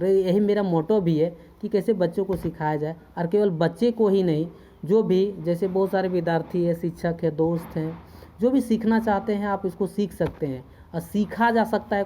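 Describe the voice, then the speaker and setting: A man's voice: high-pitched, dark tone, slight background noise, low-quality recording. Earnest male English teacher. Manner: earnest, repetitive, drills words aloud for pupils to repeat. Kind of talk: spoken English lesson over a screen recording. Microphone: screen-recorder phone mic.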